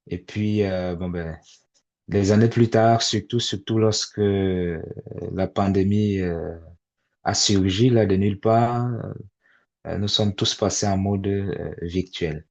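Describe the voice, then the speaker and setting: A man's voice: sits low, fairly even intonation, takes it slowly, a little mellow. A man in his forties speaking to parents in a webinar, with a hesitant delivery full of fillers and repeated words. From immigrant to Canada. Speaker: webinar facilitator. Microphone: video call. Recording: dull lo-fi video call audio.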